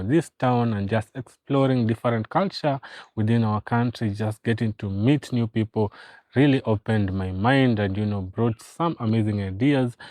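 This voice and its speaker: A Kenyan man in his twenties talking to the camera in a casual vlog, recorded on a phone, earnest and filling every pause with "you know". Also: fairly low pitch, darkish tone, no room sound. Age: 20s. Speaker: vlogger.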